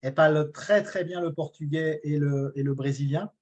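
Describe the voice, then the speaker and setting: A woman with a husky voice hosting an online meeting in a casual, chatty style. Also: deep voice, fairly even intonation, moderate pace, a little mellow. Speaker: meeting host. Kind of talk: casual chat.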